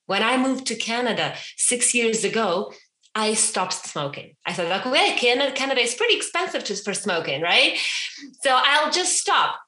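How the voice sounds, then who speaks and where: Sing-song and sharp in tone, this fairly high-pitched woman talks at a normal speed in a reverberant space. She is a Ukrainian hypnotherapist in her thirties, chatting as a guest in a casual interview and saying things like "you know."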